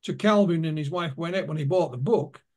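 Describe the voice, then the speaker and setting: A man's voice: fairly high pitch, brisk, darkish tone. A man being interviewed as an author, telling anecdotes and retelling what witnesses told him. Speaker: author and guest. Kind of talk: interview storytelling.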